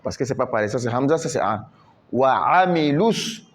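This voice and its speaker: A man teaching Quran recitation in French, patiently repeating each word and drawing out the recited syllables. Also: mid-range voice. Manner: slow, repeats words many times, drawn-out recitation.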